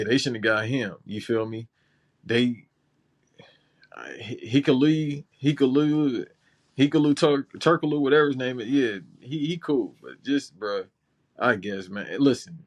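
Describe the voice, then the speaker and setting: A man from Los Angeles co-hosting a casual chat show, talking loose and slangy with lots of restarts. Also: mid-range voice. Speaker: podcast co-host.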